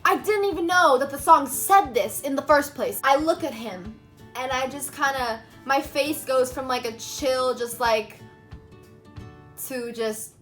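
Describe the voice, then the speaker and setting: A young woman with a slightly high voice recounts a personal story straight to the camera, rambling casually and leaning on "like" at every turn. She is recording in a room at home as the daylight fades. Faint music plays under her voice. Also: a little slow, a bit bright. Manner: chatty, filler-heavy retelling with many "like"s. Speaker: YouTuber telling a personal story.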